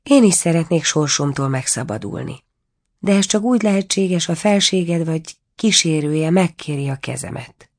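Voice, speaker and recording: A plaintive, pleading owl princess under a spell, put on by a woman reading a storybook. She speaks a little higher and livelier than plain narration, in a low-set voice. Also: lively intonation. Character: enchanted princess turned owl, sorrowful.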